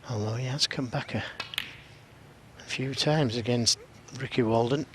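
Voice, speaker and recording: A man's voice: medium pitch, unhurried, a little hiss or hum. A man co-commentating on snooker in a conversational, analytical way.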